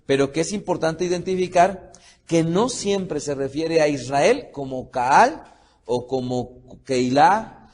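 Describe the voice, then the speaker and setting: A man's voice: a little high, a little mellow. A man leading a sermon-style Bible study, who calls his listeners beloved and stops to spell out and pronounce Hebrew words. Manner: addresses listeners as beloved, leads repetition of words, frequent restarts. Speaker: teacher of a Torah study.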